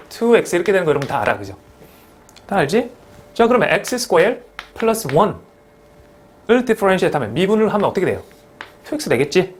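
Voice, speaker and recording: A middle-aged man gives a whiteboard math lecture, with a voice that sits a little high and swings widely in pitch. He walks through each term patiently and keeps turning to his students to check they follow. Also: slight background noise. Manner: talkative, mixes in English math terms, asks students "그죠?". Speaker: math teacher.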